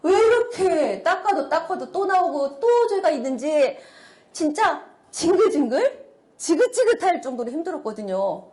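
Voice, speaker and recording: A middle-aged woman delivers a church testimony with a high, swooping voice. She talks in an animated way, exclaiming and laughing often. The sound carries a roomy echo. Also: moderate pace. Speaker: church speaker giving testimony. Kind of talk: testimony sermon.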